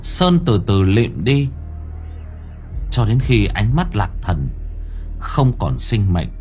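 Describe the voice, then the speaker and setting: A man's voice: on the low side, sing-song, slow, darkish tone, faint music behind. A man narrating a horror story in a dramatic storytelling manner. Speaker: audiobook narrator.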